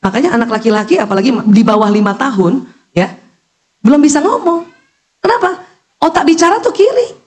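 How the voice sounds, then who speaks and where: A middle-aged woman doctor giving a lively parenting lecture, acting out calls and talking straight to the mothers listening. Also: high voice, brisk, long pauses. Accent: Indonesian. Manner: animated, acts out calls and quotes, talks directly to mothers in the audience.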